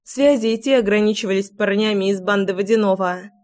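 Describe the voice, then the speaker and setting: A woman's voice: mid-range voice, a little fast, darkish tone. Woman narrating a first-person story. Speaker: audiobook narrator.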